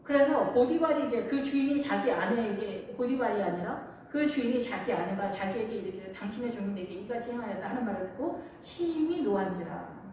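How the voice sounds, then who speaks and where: Woman pastor, lively sermon storyteller, distant mic in a reverberant church with faint noise. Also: fairly high pitch, normal speed, few pauses. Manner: animated storytelling, acting out quotes. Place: church sanctuary. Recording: echoey church hall from far off.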